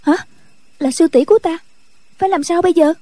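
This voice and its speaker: A woman's voice: extremely high pitch, fairly quick, darkish tone, dry recording. A woman voicing a timid, frightened young nun who speaks hesitantly in a martial-arts audiobook. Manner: trembling, hesitant.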